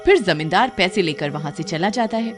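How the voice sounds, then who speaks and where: Over loud background music, a woman with a fairly low voice tells a scripted cartoon horror tale dramatically. She sounds animated and speaks a little fast.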